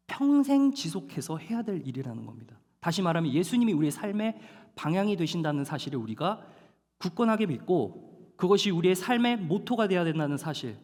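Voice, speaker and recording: Lively male pastor preaching in a hall. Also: high-pitched. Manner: animated storytelling with dramatic slowdowns. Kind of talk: sermon. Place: church hall. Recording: long hall reverb.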